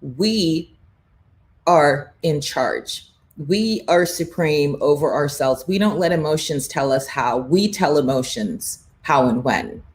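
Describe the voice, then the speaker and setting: Low-voiced woman giving a motivational talk. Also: expressive, takes it slowly. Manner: emphatic, preachy, with faith references and quoted inner voices. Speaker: morning show host, brand coach. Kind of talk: motivational live-stream talk.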